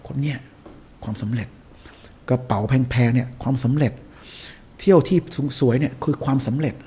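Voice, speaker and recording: A man's voice: mid-range voice, moderate pace, mellow, breathy edge. A man talking as a podcast guest, giving emphatic motivational advice and hammering home his points. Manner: emphatic, preachy, repeats key points. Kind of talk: motivational conversation.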